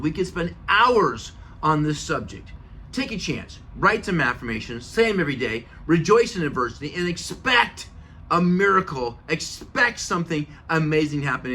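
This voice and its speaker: A middle-aged man hosts a motivational talk with a bright, forceful voice that sits a little high. He speaks earnestly and builds emphasis, chanting affirmations in steady runs. A faint hiss of background noise sits under the recording. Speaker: show host.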